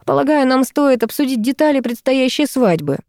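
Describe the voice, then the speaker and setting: Lady reading smug businesslike dad, formal, mellow dry voice. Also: sits high, animated, normal speed, dry recording, pitched above the performer's own voice. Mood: pleased. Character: fiancé's father, older man, pleased and businesslike.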